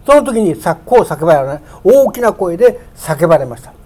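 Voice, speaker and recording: A pastor preaching a sermon, building to emphatic raised peaks on key words and slowing down to read scripture aloud, in a church sanctuary. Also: medium pitch, sing-song, dark tone.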